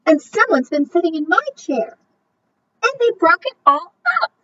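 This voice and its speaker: Baby Bear, squeaky as a woman reads him. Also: lively intonation, moderate pace, sharp tone, far from the mic, highs cut off, a little hiss or hum, exaggerated voice. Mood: indignant. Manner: high, squealing complaints. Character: tiny young male bear cub, squeaky and upset.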